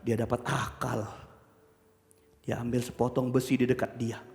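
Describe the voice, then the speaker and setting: A man preaching a sermon, acting out the characters in his stories with loud, animated shouts and asking the congregation questions. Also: medium pitch, moderate pace, gravelly. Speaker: pastor. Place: church. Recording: church hall reverb.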